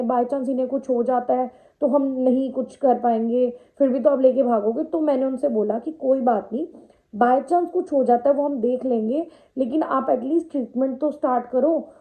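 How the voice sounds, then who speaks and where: Young woman, vlogger, personal storytelling, English words mixed in, fillers, somewhat high pitch. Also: phone-quality sound. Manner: mixes English words into Hindi, many fillers.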